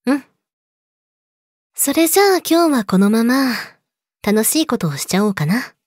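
A young woman playing a possessive yandere girlfriend, sweet but menacing, speaking softly and intimately to her lover in an audio drama. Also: on the high side, very animated, moderate pace, no room sound, studio quality. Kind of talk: Japanese situation voice audio drama, addressed to listener.

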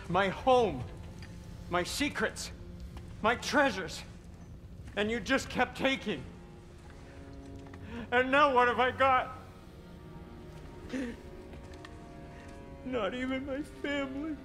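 A man's voice: medium pitch, lightly acted. An actor playing a bitter, grieving man betrayed by his friends in a video game, with a biting, emotional delivery. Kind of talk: video game drama acting.

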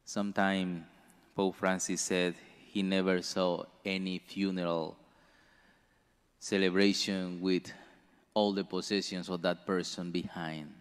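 This deep, smooth male voice belongs to a priest whose pitch barely moves. He reads the gospel and preaches a homily slowly, with careful pauses, at a lectern stand mic in a reverberant church sanctuary.

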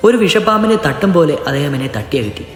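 A man's voice: a little high, sing-song, fast talker, soft background music. A man voicing a frightened young servant woman. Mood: shaken. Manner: trembling, soft-spoken. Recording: echoey narration with long reverb.

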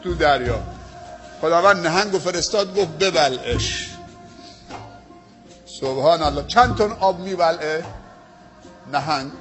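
Male preacher with an Afghan Dari accent, high-pitched, sermon storytelling, shifts from loud to hushed, music playing clearly behind. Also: long pauses. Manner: animated, dramatic swings between loud exclamations and hushed low phrases.

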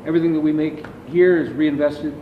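A middle-aged man answers interview questions about his business at length while gesturing with his hands. His voice is a little high, and it is picked up by a distant camera in a large, echoey warehouse. The audio is dull, with clear background noise. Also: steady tone, a little fast. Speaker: ammunition company founder, interview guest. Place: large warehouse with shelving, indoors.

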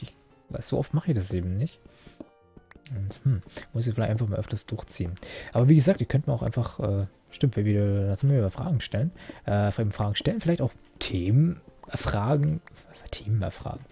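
A man's voice: fairly low pitch, creaky, warm tone, husky. A young man commenting casually while he plays a video game, rambling and mocking himself, with many fillers and restarts. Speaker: Let's Play host.

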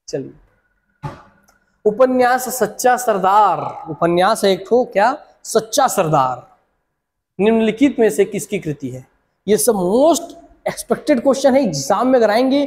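Man, coaching teacher, animated, repeats answers, roomy hall echo. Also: high-pitched. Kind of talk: online exam-prep class, quizzing viewers.

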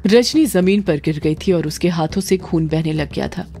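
A woman storyteller narrating a horror story in a steady, dramatic way. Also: on the low side, normal speed. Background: faint background music.

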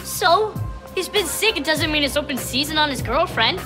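A woman's voice: on the high side, lively intonation, moderate pace, over music, close to an everyday voice. A young woman playing an indignant, blunt teenage boy turned girl in a TV teen comedy. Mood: exasperated. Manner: exasperated, emphatic. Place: indoor film set.

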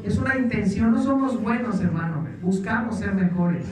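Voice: mid-range voice, normal speed, far from the mic, crowd noise. Church pastor leading prayer over and over, congregation audible in the room. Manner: exhorting, repetitive prayer cadence, addresses listeners as brother. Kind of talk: sermon and led prayer. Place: church service. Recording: echoey church hall, off-mic, congregation audible.

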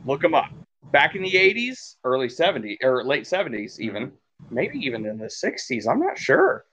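A man's voice: mid-range voice, moderate pace, slight background noise, rough recording. A man co-hosting a casual podcast, telling rambling stories about meeting people and acting out the quotes. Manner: rambling storyteller, animated when acting out quotes. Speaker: podcast co-host. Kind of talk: casual chat.

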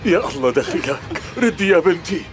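A caring older man with a Syrian accent , played by an actor as a family patriarch in a dubbed drama. He speaks briskly and solicitously, with an animated rise and fall in his voice. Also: medium pitch, music in the background, close to an everyday voice. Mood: alarmed. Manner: fatherly, solicitous. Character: caring, pious elderly father-in-law, head of household. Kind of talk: dubbed television drama acting.

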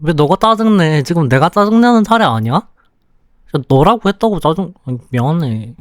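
A young man playing a sulky, clingy boyfriend in a whispered role-play, speaking softly and pouting close to the mic. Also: medium pitch, lively intonation, no room sound. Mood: pouty, affectionate. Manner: slow, soft, close-up ASMR delivery with pouty complaints.

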